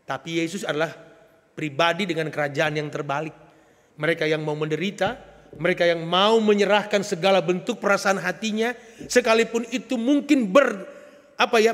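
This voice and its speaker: A man with an Indonesian accent preaches a sermon in a church sanctuary, his fairly high voice carried by a long echoing hall. He talks in a lively, joking way and lands key words with sudden loud, emphatic swells. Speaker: pastor.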